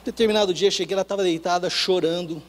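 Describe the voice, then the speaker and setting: A Brazilian man preaches with a high, carrying voice. He drops to hushed, low lines, then climbs back up to loud, rising ones. He acts out the dialogue in the stories he tells. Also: fairly even intonation, quick pace. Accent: Brazilian Portuguese. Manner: storytelling with acted dialogue. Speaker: pastor. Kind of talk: sermon.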